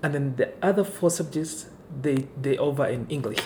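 An interview guest from Kenya, whose first language is Somali, talks unhurriedly in a casual conversation, leaning on "you know" and "right." His mid-range voice is warm, delivered at a moderate pace, with a little hiss or hum in the recording.

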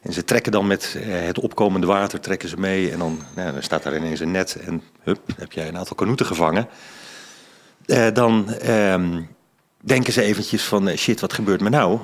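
A man's voice: low voice, fairly even intonation, normal speed. A middle-aged man, an author, explaining in a casual interview with many ums and restarts. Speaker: author and science journalist.

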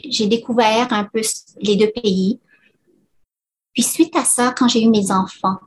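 A middle-aged woman from Laos answering interview questions, hesitant, with many fillers and restarts. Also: mid-range voice. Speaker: documentary author interviewed.

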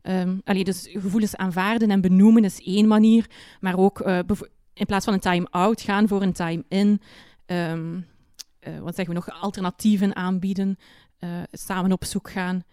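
An earnest woman explains methods as an expert on a panel. Her voice is mellow and dark, and the sound is dry and close. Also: mid-range voice, steady tone, normal speed, clean tone, no room sound. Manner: earnest, often adds tag "hè". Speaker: book author, childcare expert.

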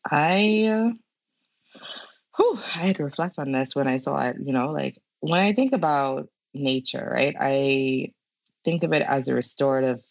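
A woman's voice: a bass voice, lively intonation, a little slow, gravelly, dry recording, dull audio. A young Bahamian woman talking casually as an interview guest, full of "like" and "you know". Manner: chatty, many fillers like "like" and "you know". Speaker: guest climate scientist.

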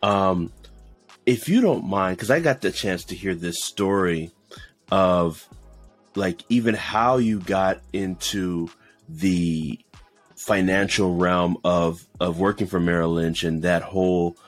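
Very deep-voiced man hosting an interview. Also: slow, soft background music. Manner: encouraging, with many affirming interjections and stammered restarts. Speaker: podcast host.

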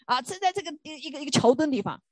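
A woman's voice: sits high, expressive, quick pace, dry recording, voice pushed up. A woman voicing a grieving teenage adopted boy crying out in remorse. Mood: bitter. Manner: sobbing remorseful outcry.

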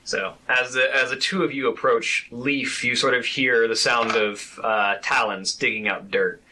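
A man improvising narration as a tabletop game master, piecing descriptions together haltingly. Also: mid-range voice, fairly even intonation, pushed and bright, a little hiss or hum.

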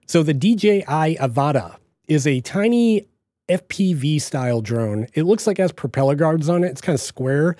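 A podcast host with a Boston accent talks solo in a casual, rambling way, full of fillers and restarts. His voice sits on the high side with a warm tone, recorded dry with clean studio sound.

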